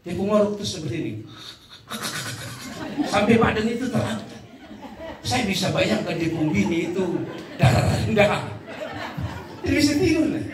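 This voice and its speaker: A man's voice: sits high, a little hiss or hum. A male pastor with a Kupang Malay accent preaching a humorous funeral sermon, telling jokes, acting out voices and calling for amens. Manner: joking storyteller acting out quoted voices, calls for amens. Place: funeral tent. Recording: roomy sound from a distant mic.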